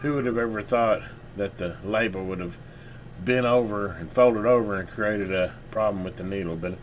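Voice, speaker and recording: Working with his hands, an American man talks informally and folksily, partly to himself, in a repair vlog demonstration. He speaks at a normal speed in a lowish voice, and the rough recording carries slight hiss or hum.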